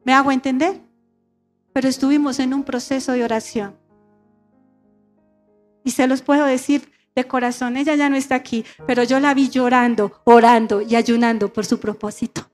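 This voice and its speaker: High-voiced woman pastor preaching. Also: fairly even intonation, normal speed, soft background music. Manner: call-and-response preaching, asking the congregation to repeat. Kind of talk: sermon. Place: church sanctuary.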